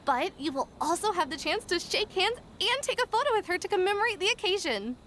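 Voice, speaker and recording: A woman voicing a cheerful young lucky-draw attendant in a video game, announcing prizes excitedly. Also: very high-pitched, a little fast, a little hiss or hum, exaggerated voice. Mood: proud announcing.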